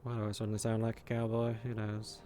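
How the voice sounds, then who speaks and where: A man's voice: on the low side, completely flat delivery, fast talker, warm tone. A man chatting in character during a role-play, drawling and mumbling to himself.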